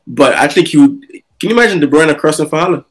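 A man's voice: fairly high pitch, lively intonation, fast, rough recording. A man in a casual football debate, making his points earnestly and insistently.

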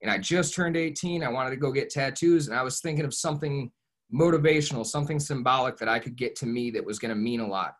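A man's voice: medium pitch, fast talker. Earnest young man sharing his story. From Ohio, USA. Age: young adult. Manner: earnest, reflective storytelling with frequent restarts and "you know". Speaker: podcast guest. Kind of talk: casual podcast interview.

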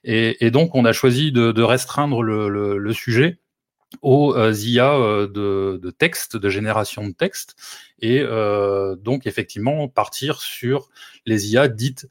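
A man talking through a tech topic on a casual podcast, stumbling over repeated words and filling pauses as he thinks aloud. His voice sits on the low side. The sound is dry and close, with no room around it. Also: dry recording. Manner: hesitant, many fillers and restarts, chuckles. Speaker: co-host presenting the topic.

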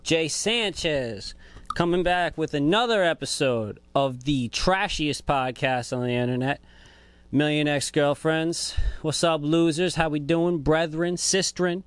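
A man's voice: on the high side, unhurried, clean tone, dry recording. Rambling, foul-mouthed man in his twenties. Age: 20s. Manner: rambling, profane, laid-back. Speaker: podcast host. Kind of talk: casual podcast monologue.

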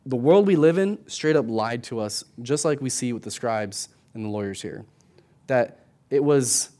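This sermon comes from a middle-aged pastor whose voice is medium in pitch and darkish in tone. His preaching is conversational, full of tag questions like "right?", and he frequently restarts what he's saying.

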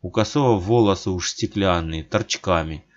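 A man narrating a literary audiobook in a measured, plain manner, in a dull lo-fi recording. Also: low-pitched.

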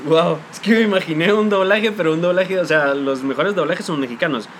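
A man's voice: fairly high pitch, a little fast, a bit bright, a little hiss or hum. A Guatemalan man co-hosting a podcast, talking in a musing, conversational way and asking questions. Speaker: podcast co-host. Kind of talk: casual podcast chat.

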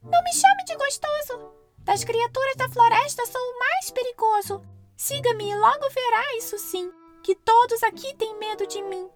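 A woman voicing a small, clever, boastful male mouse in a storybook tale, in a squeaky, playful voice. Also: normal speed, music in the background. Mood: defiant.

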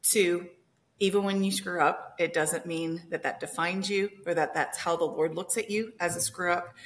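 A woman hosts a podcast and closes the conversation with encouraging words for her listeners. Her voice sits somewhat low for a woman, and she affirms her guest as she goes. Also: steady tone, normal speed. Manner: warm affirming responses, encouraging wrap-up. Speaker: podcast host. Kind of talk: podcast interview.

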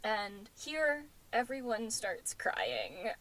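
A woman's voice: a little high, huge pitch swings, drawn-out words, a bit bright, low-quality recording. A woman co-hosting a podcast, recapping a reality dating show in casual chat full of fillers. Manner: chatty, many fillers like "um" and "like". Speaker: podcast co-host.

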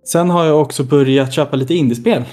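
Man, mellow dark voice, casual gaming podcast chat, enthusiastic, faint music behind. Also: a little high. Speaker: podcast co-host.

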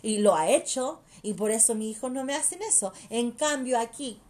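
A woman's voice: fairly high pitch, animated, normal speed, a little mellow. A mother chatting casually and bluntly, swearing freely and switching between languages mid-sentence. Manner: blunt and profane. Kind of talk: casual chat.

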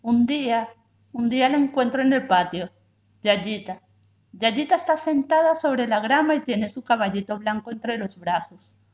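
A woman, a reading promoter, telling a children's story aloud in a measured, expressive way. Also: a little high.

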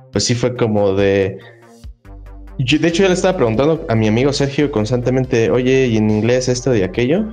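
A man's voice: mid-range voice, a little mellow. A man with a Mexican accent chatting casually on a podcast in loose, slangy speech with frequent restarts.

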